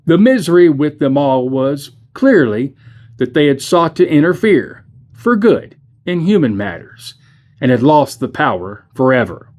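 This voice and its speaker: Brief: adult man, mid-pitched, reads a classic story aloud, measured and dramatic. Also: darkish tone. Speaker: church reader.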